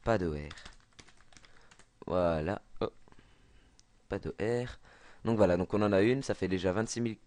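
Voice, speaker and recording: A man's voice: low-pitched, a little slow, long pauses, a little mellow, dry recording. A man with a Belgian French accent explaining a game trick over a screen recording, hesitant with many fillers and restarts. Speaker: gaming tutorial maker.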